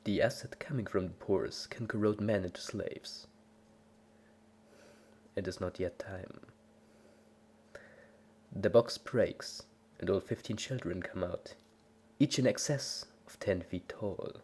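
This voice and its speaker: Here a fan fiction reader with a deep, breathy voice takes his time, leaving long pauses. His amateur narration is theatrical and overblown, veering between whispering and shouting.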